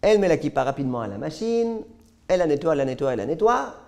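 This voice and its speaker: A man who is a rabbi teaching a Torah lesson to a live audience, telling stories in a lively way and often stumbling over repeated words. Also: fairly high pitch, very fast, gravelly. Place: class hall with a live audience.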